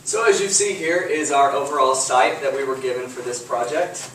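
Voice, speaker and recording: A young man from Texas walks through his slides one by one, filling pauses with ums and uhs. He is heard from a distance in a very reverberant room with faint background hiss. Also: medium pitch, fairly bright tone. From Lufkin, Texas. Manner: walks through slides methodically with frequent uh and um fillers. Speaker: student presenter. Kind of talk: class project presentation. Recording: distant mic in an echoey room with faint noise.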